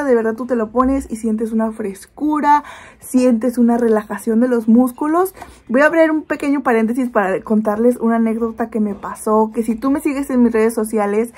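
Chatty breathy woman vlogger. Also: on the high side. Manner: animated storytelling with lots of fillers. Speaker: beauty product vlogger. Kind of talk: casual chatty product review.

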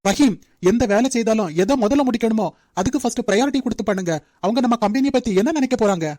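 A strict young cartoon manager, as a woman voices him, lecturing at a quick clip. The tone is dark and mellow, and the sound is close and dry with no room around it. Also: mid-range voice, no echo, natural voice. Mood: stern scolding. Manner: brisk, lecturing. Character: young male company manager, strict and demanding. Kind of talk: Tamil cartoon dub.

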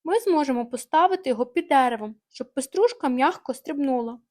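A clever, helpful farm dog from a bedtime story, voiced by a woman. He talks quick and keen, high and lively.

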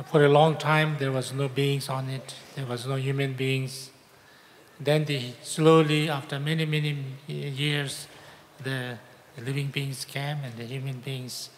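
A man's voice: medium pitch, little pitch movement, takes it slowly, in a large hall, a little hiss or hum. A man interpreting a teacher's words into English, hesitant with many filler sounds.

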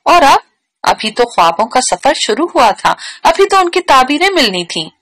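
A woman narrating a novel aloud in an expressive storytelling manner. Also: high-pitched, normal speed, poor audio. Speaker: audiobook narrator.

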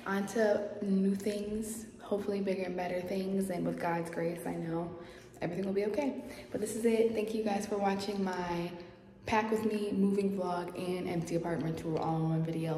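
A woman's voice: mid-range voice, mellow. A young woman, chatting casually as she films a tour of her empty apartment on a handheld phone. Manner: chatty, quick, casual, repeats "here goes". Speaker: vlogger. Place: empty apartment with bare hard floors. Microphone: handheld phone camera at arm's length. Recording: echoey empty rooms, noisy.

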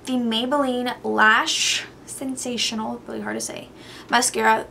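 Young woman, makeup vlogger, gushing chatty tone, slightly gravelly, faint room noise. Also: a little high, bright, forceful tone. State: tired. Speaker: beauty vlogger. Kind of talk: makeup tutorial.

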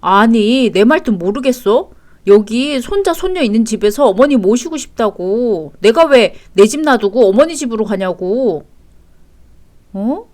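Woman doing a bossy shouting husband. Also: on the high side, very animated, moderate pace. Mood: defensive. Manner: shouting, indignant. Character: angry entitled middle-aged husband, bossy. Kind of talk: storytelling read-aloud.

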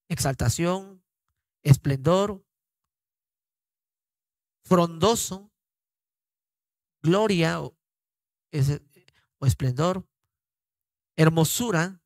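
An older man teaching scripture informally, slow and deliberate, repeating words as he explains them. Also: medium pitch, darkish tone, no room sound. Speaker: Bible teacher.

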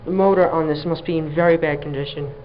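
Inside a small elevator car, a man speaks quickly and in a steady tone, his voice a little high, as he films the ride. He keeps up a dry, exasperated handheld narration, and the camera mic captures it with dull lo-fi sound and a faint hum.

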